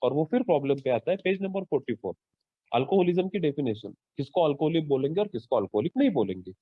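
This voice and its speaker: A man's voice: quick pace, breathy edge, no echo. A man, sharing his own story at a Twelve Step workshop, earnest and full of rhetorical questions, slipping into English phrases. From India. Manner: rhetorical questions, lively pitch swings. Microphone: online call. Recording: dull lo-fi online call audio.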